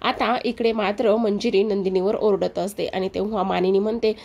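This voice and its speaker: A woman's voice: mid-range voice, fairly even intonation, moderate pace, gravelly, a little mellow. A woman tells a soap episode as a recap, moving scene to scene and quoting each character. Her voice sits in a middle register and stays conversational. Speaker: serial recap narrator.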